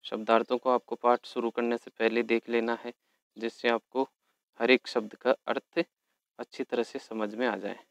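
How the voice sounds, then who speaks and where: A man's voice: medium pitch, level tone, normal speed, gravelly, no echo. A man explaining a Sanskrit textbook lesson, patiently spelling out words letter by letter. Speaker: Sanskrit teacher.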